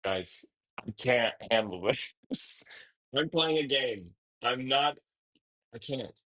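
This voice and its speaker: A man's voice: medium pitch, expressive, slow, pushed and bright. A male streamer chatting casually with his live chat, flustered and laughing, jumping between topics in an indoor room.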